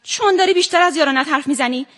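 A woman's voice: sits high, fairly bright tone, in a large hall. A woman from Iran acting a short-tempered, sarcastic office clerk who scolds a visitor in a comic stage sketch. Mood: scolding. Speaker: voice-acting audition contestant.

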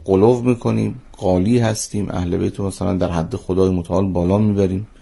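Gravelly, low-voiced male cleric. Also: steady tone, warm tone. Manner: formal, devout, explanatory. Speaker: cleric and seminary teacher, expert guest. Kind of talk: religious discussion on radio. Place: radio studio.

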